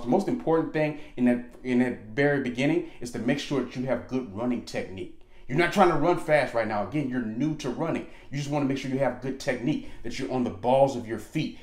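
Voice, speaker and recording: An American man giving informal instructional talk in an animated, slangy and emphatic way, repeating points for emphasis. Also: mid-range voice. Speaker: aviation instructor, presenter. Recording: echoey room.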